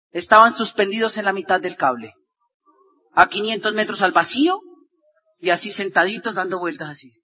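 A man giving an energetic motivational talk, swinging from loud shouts to low murmurs as he acts out dialogue. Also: big-room sound, lo-fi sound. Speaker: motivational speaker.

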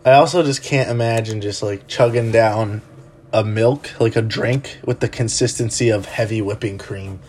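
A man's voice: fairly low pitch, fairly even intonation, moderate pace, a little mellow, a little hiss or hum. A man hosting a podcast in casual chat, chatty with many fillers, laughing easily. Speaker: podcast host.

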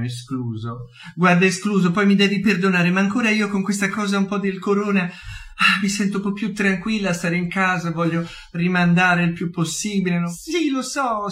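A man's voice: on the high side, lightly acted. An actor playing a snobbish, catty, elderly upper-class woman who gossips and swoops theatrically through a comic sketch monologue. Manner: gossipy, sharp-tongued, swooping.

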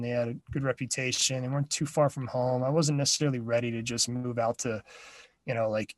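Relaxed man telling his story, dry sound. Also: mid-range voice, no room sound, rough recording. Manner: relaxed storytelling with fillers and repeated words. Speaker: interview guest, drummer and drum teacher. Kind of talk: casual interview.

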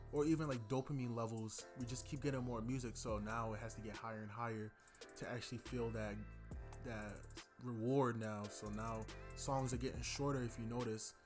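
A man's voice: medium pitch, level tone, a little fast, music in the background. A young man hosting a podcast, chatting loosely about an album, rambling with lots of fillers. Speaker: podcast host. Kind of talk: casual music review chat.

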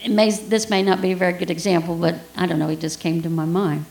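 A woman's voice: on the low side, level tone, quick pace, darkish tone, reverberant, low-quality recording. A woman giving an informal Bible teaching, telling a personal story in a chatty way with laughs and asides.

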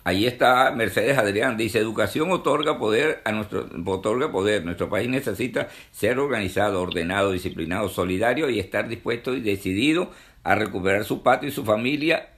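Low-voiced male host reading comments. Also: fairly quick, a bit bright. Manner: brief affirmations, reads out viewer comments. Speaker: interview host. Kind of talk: conversational interview.

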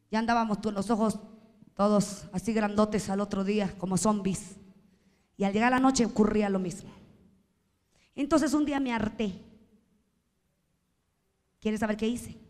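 A woman with a Mexican accent preaching a sermon, impassioned and often shouting in drawn-out, sing-song calls. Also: medium pitch. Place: church hall. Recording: echoey hall with music behind.

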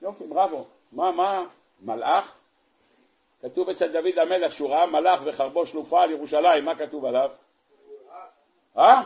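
Rabbi guy preaching, high voice, kinda raspy, tells the story all animated and keeps asking the crowd questions. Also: pauses often. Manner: animated storyteller, acting out the scenes; asks the audience rhetorical questions. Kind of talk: weekly Torah portion sermon.

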